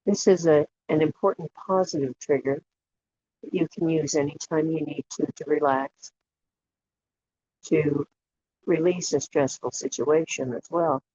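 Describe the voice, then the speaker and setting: Leading a relaxation meditation, a guided imagery facilitator speaks in a soothing, unhurried way, with long pauses between short phrases. The voice is mid-range, mellow and fairly even in intonation. The audio is dull and lo-fi, with clear background noise and clicks.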